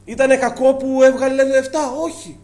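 A man's voice: very high-pitched, little pitch movement, a little mellow, faint music behind. A man preaching a sermon to his congregation, asking rhetorical questions and quoting scripture earnestly.

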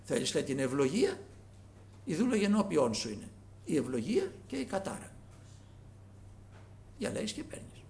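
A man preaching a sermon in a dramatic way, swinging from loud calls to hushed asides. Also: fairly high pitch, wildly swooping pitch, pauses often, slight background noise.

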